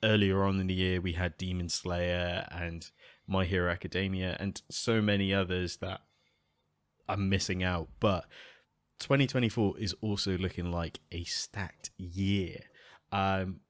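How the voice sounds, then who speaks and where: A man with a lowish voice hosts a podcast, chatting in a relaxed, easygoing way. The sound is close and dry, with little room. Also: measured pace, dry recording. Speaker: podcast host. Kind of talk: casual chat.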